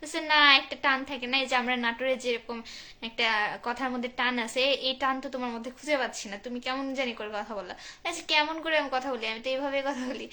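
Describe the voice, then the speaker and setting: A woman's voice: sits high, fairly even intonation, brisk, pushed and bright. A young woman on a casual live stream, chatting and reading viewers' comments aloud and answering them. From northern Bangladesh.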